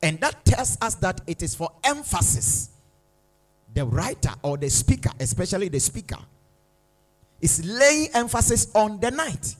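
Male pastor, slow dramatic sermon delivery, voice rising and falling a lot. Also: high-pitched, big pitch swings. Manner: slow, emphatic preaching with dramatic repetition. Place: church.

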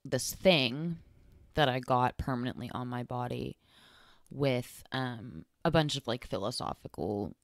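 A woman's voice: very deep voice, unhurried, no room sound, studio quality. A young woman from Texas hosting a podcast, talking on her own in a rambling way, full of fillers and self-corrections. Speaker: podcast host. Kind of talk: casual solo podcast monologue.

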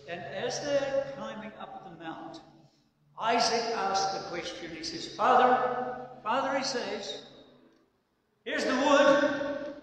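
A man delivers a sermon with slow, emphatic phrasing and weighty pauses, his voice pitched high for a man. He sounds a little far from the mic in a large church hall, with a long ringing reverb and a faint hum of room ambience behind him. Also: a bit bright. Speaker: preacher.

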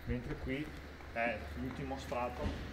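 Male architect, 40s, halting informal presenter, recorded outdoors by camera mic with heavy background noise. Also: medium pitch, fairly even intonation, distant mic. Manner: halting, searching for words, repeats words. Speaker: architect presenting a renovation site. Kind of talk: informal site walk-through explanation to camera. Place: outdoors on a town street beside a facade. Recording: very noisy outdoor street recording.

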